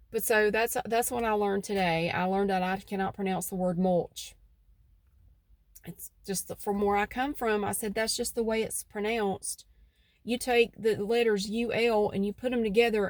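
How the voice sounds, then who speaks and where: Slightly mellow and medium in pitch, her voice comes through dry and studio-clean. Standing outdoors near her house, the middle-aged North Carolina vlogger, with a central accent and a bit of a stuffy nose, rambles on in easygoing, folksy chat.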